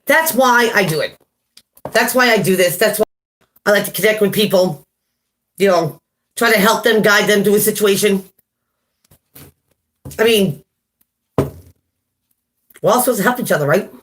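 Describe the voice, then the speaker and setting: A woman's voice: mid-range voice, normal speed, pauses often, fairly bright tone, slight background noise. A woman giving a casual live-stream tarot reading, chatty, laughing at her own jokes and greeting viewers by name. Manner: chatty, laughs at herself often. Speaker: tarot reader.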